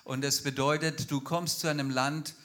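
A man interprets line by line at a church, fluent and quick. His voice is strikingly bright and forward and sits a little high. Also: fairly even intonation. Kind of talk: live consecutive interpreting in a church.

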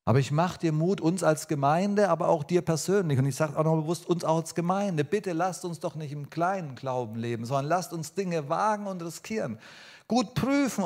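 A man preaching a sermon to his congregation, earnest and personal, swinging between emphatic lines and quiet ones. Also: on the high side. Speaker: pastor.

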